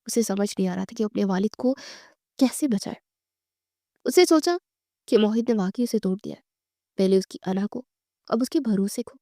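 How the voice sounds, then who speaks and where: A woman narrating a bedtime story in a dramatic, expressive reading. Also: medium pitch, long pauses, dry recording, studio quality.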